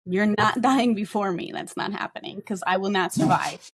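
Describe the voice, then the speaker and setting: A woman's voice: mid-range voice, moderate pace. A young adult woman co-hosting a podcast, telling rambling stories in casual chat and swearing freely. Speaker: podcast co-host.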